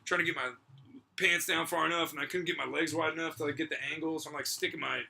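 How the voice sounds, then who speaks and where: A young man with a bright, slightly high voice hosts a casual podcast chat. He tells his story with animated energy, laughs often, and keeps saying "dude" and "like". A faint hiss sits under the recording. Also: quick pace, gravelly. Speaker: podcast host.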